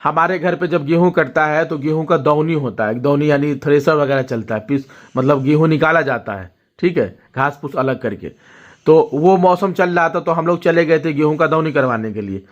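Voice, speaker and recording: A man's voice: on the high side, moderate pace, dull audio. A young man, a vlogger, telling viewers a family story in casual talk, often checking in with them as he goes. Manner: storytelling, addresses viewers directly with frequent "ठीक है?".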